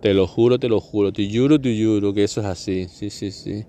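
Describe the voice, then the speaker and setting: A man hosts a podcast, ranting in a sarcastic, foul-mouthed comic monologue. His voice sits somewhat low, with a dark, mellow tone. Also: a little fast. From Catalonia. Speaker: podcast host.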